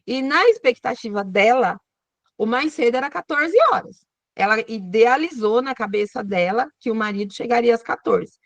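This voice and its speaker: A woman's voice: fairly high pitch, expressive, moderate pace, no echo, dull audio. Brazilian woman teaching over a video call. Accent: Brazilian Portuguese. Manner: addresses listeners directly, checks in often. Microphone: computer or phone on a video call.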